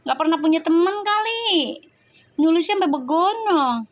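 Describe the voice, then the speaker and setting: A woman's voice: very high voice, lively intonation, normal speed. A woman, chatting on a live stream and scolding viewer comments in a sassy, slangy way. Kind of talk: casual live-stream chat reading comments.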